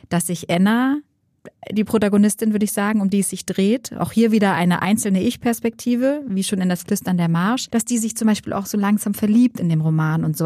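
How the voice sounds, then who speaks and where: A woman's voice: mid-range voice, dark tone, no room sound, clean studio sound. A woman co-hosting a book podcast, musing aloud in casual chat and often checking in with her partner. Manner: musing, thinks aloud with many tag questions.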